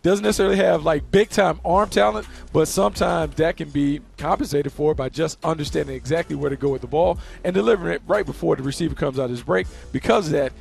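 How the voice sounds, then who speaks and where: A man's voice: on the high side, fast talker, few pauses. A man co-hosting a football podcast, reading an ad and breaking down draft prospects. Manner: smooth upbeat ad read, then analytical. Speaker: podcast co-host. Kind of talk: football podcast talk and ad read.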